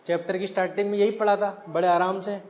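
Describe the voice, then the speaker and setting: Male teacher, very high voice, echoey classroom sound, asks and answers his own questions. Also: level tone, fast talker, darkish tone. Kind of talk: classroom lecture.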